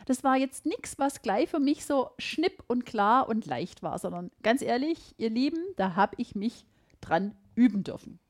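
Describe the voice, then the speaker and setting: A middle-aged woman with a Swabian German accent hosts a podcast, keeping the conversation casual and reflective. Her fairly high voice is unhurried, and her manner is lively and emphatic.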